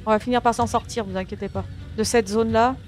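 High-pitched woman doing a chill let's play, faint music behind, mutters at the game. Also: steady tone, quick pace, darkish tone. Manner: chatty, talks back to the game and swears lightly at it; addresses viewers as friends. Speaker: gaming channel host. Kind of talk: casual gameplay commentary.

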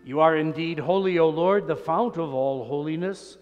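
A man leading the prayers of Mass as a priest, with a solemn, measured delivery and a long cathedral echo. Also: a little high, muffled recording, faint music behind. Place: large church. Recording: long reverb of a large church.

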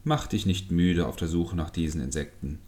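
A man's voice: deep voice, normal speed, mellow, natural voice. A man voicing a meek, stubborn magic fishing hook that begs its master for mercy in a storybook reading. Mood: pleading. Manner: humble, begging.

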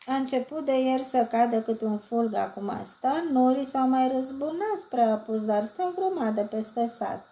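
Romanian woman teaching with a mellow voice. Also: high voice. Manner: reads exercises quickly, slows right down to count syllables. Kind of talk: textbook lesson, counting syllables aloud.

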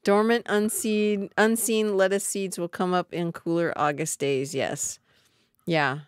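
A middle-aged woman co-hosting a casual home live stream, chatty and quick to agree, often restarting her sentences. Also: mid-range voice, fairly even intonation, smooth, dry recording, clean studio sound. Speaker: co-host. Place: home living room. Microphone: desk microphone.

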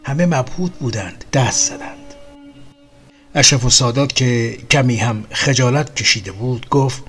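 Male narrator, middle pitch, measured storytelling read, faint music bed underneath. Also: a bit bright, slightly rough.

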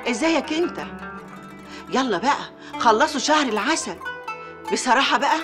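A woman's voice: high-pitched, lively intonation, normal speed. An actress playing a doting middle-aged mother, speaking in Egyptian Arabic in a fond, motherly way. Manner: warm and motherly on the phone. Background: music.

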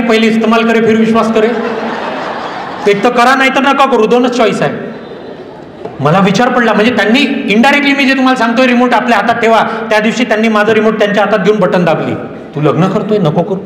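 A man's voice: sits high, a bit bright, slight background noise. A man, giving a motivational lecture in an emphatic, dramatic way that repeats phrases and acts out dialogue. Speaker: motivational speaker. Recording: echoey hall.

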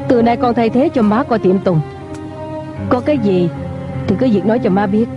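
A woman's voice: fairly high pitch, normal speed, close to an everyday voice. A woman dubbing a stern older matriarch of a wealthy clan in a TV drama, commanding and scolding. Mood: tender. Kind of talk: dubbed TV drama. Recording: dull lo-fi dub with loud music.

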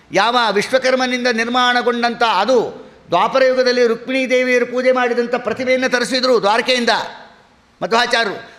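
A man with a Kannada accent giving a devotional sermon, chanting Sanskrit verses slowly between his explanations. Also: very high-pitched, bright, forceful tone, big-room sound. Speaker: religious discourse speaker.

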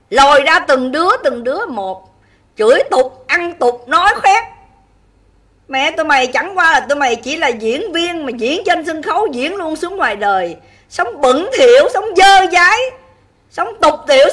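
A livestream host with a high, bright, piercing voice delivers an angry rant, scolding and insulting in a harsh, relentless flow. She keeps turning to her viewers with rhetorical questions about whether she's right. The audio is recorded from a distance.

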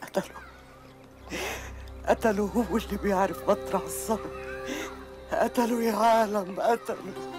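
A woman's voice: medium pitch, normal speed, long pauses, over music, close to an everyday voice. An actress playing a desperate mother whose son was kidnapped. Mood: distraught. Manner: distraught, pleading. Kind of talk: TV drama acting.

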